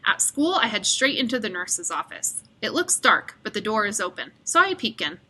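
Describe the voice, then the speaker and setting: An expressive storyteller, a woman reads a children's picture book aloud. Her pitch sits in the middle and her speed is normal.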